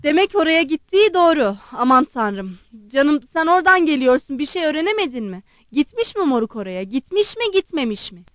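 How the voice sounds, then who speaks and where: A woman's voice: high voice, sing-song, fairly quick, few pauses, no room sound. A woman voicing a scornful, agitated young man. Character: irritable young man, bitter older brother. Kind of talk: audiobook character reading.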